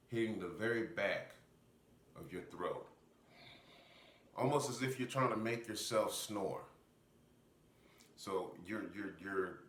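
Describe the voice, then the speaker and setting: Deep-voiced, congested man teaching breathing. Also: a bit bright. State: congested sinuses. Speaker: breathwork instructor. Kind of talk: casual instructional talk on breathing technique. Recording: roomy echo, faint background noise.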